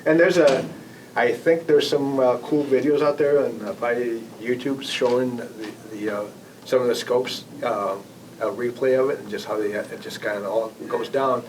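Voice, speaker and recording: A guest speaker who once managed air traffic control addresses a club meeting informally and fields audience questions. His average-pitched voice is steady in tone and a little mellow, though his delivery is halting, with frequent rephrasing and repeated words, and the recording has a distant mic and a noisy room.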